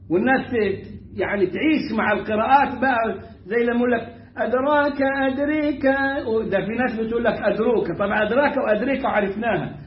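A man with an Egyptian accent teaching Quran recitation, repeating words slowly to show how they are pronounced. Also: very high-pitched, echoey room, lo-fi sound, slight background noise. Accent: Egyptian Arabic. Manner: demonstrates pronunciation by repeating words slowly, animated and emphatic. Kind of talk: Egyptian colloquial tajweed lesson.

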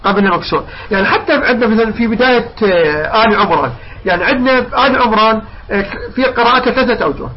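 A man's voice: high-pitched, expressive, rapid-fire, dull audio. A man teaching Quran recitation rules, explaining patiently, repeating points and drawing out the recited examples. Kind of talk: recitation lesson.

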